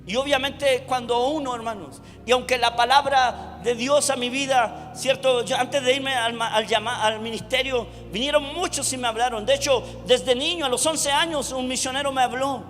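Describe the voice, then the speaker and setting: A middle-aged man with a Chilean accent preaching a sermon to his congregation, rising to shouts. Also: extremely high pitch, steady tone, moderate pace, hardly any pauses, in a large hall, faint music behind. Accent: Chilean Spanish. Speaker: pastor. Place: church hall.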